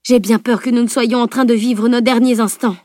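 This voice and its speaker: A woman's voice: on the high side, fairly even intonation, fairly quick, darkish tone, dry recording, studio quality, natural voice. A woman reading the lines of a grumbling male ship captain in an audiobook. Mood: grim. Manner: gloomy, cursing.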